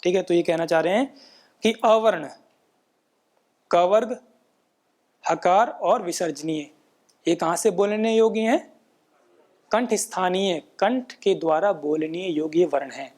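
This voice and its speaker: A man giving a patient, explanatory lesson on pronunciation, often checking in with tag questions and chanting rules in a measured recitation. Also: high-pitched, darkish tone. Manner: patient, repeats points with frequent "है ना" tag questions. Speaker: Sanskrit pronunciation teacher. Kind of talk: explanatory lecture.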